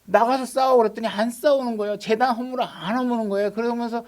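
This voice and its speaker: A man's voice: very high-pitched, steady tone, quick pace. A male pastor preaching a sermon. He is emphatic, repeats his questions, and acts out people's prayers and God's replies in a casual voice.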